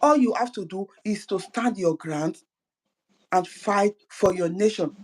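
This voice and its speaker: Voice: medium pitch, measured pace, rough recording. Fervent speaker. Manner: fervent, repeats words and restarts phrases. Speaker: political activist. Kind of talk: impassioned political address.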